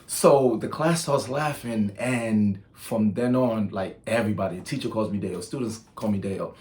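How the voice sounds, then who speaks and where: A Nigerian man hosts his own channel in a casual vlog monologue, telling stories in a chatty way full of ums and restarts. His voice is lowish and darkish in tone, and he speaks at normal speed.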